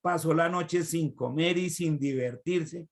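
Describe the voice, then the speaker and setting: A man preaching a sermon, retelling a Bible story with lively swings from loud cries to quiet asides. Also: a little high, measured pace, vocal fry.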